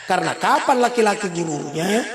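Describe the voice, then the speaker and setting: A man's voice: high-pitched, a little fast. A man with a Bugis accent giving a humorous sermon, joking and acting out voices. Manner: animated, jokes and acts out voices. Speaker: preacher. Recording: echoey hall with a crowd.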